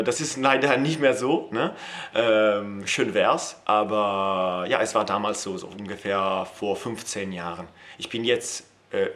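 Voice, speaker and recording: Speaking to camera in a relaxed way, this Italian man in his thirties, a polyglot who teaches languages, stumbles through fillers and restarts. He has an Italian accent and a lowish, fairly bright voice.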